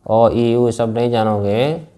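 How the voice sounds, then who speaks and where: A man teaching Sanskrit grammar to a class. He speaks slowly, repeats key phrases and keeps asking his students whether they follow. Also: medium pitch, dark tone. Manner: slow and repetitive, drills phrases and checks understanding. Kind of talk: classroom lecture with questions to students.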